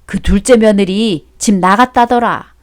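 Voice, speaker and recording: A woman's voice: mid-range voice, a little slow, close to an everyday voice. Scornful mother-in-law for a radio drama, middle-aged, blunt and nagging, played by a woman. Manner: scolding, sarcastic.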